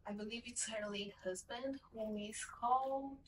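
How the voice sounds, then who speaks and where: Portuguese is the first language of this young woman from a Portuguese-speaking country, who casually reviews a book in a bookshelf-lined room at home, rambling and self-correcting. Her fairly high voice keeps a fairly even intonation at an unhurried pace. With the camera set a little away, she is far from the mic, and the rough recording has slight background noise.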